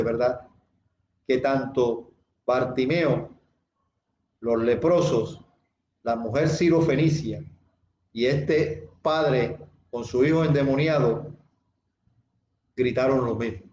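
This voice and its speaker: A male pastor preaching a sermon slowly and deliberately, repeating key phrases and speaking straight to his listeners. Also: fairly high pitch, a little mellow, roomy sound, dull audio, a little hiss or hum.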